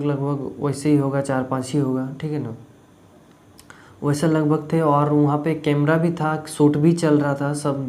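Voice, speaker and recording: A man's voice: a little high, a little mellow. A young man from Jharkhand telling about an audition in a casual vlog, rambling with frequent fillers. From Jharkhand, India. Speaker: YouTube vlogger. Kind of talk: casual talk to camera.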